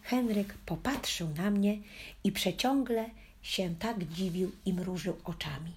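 A woman's voice: mid-range voice, slow pace, darkish tone, slight background noise. A woman reading a children's story aloud in the first person as a playful puppy, with a wry storytelling manner. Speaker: audiobook reader.

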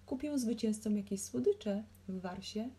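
A woman voicing an excitable older lady passenger who squeals with eager glee. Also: medium pitch, a little slow, voice pushed up, lightly acted. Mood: excited.

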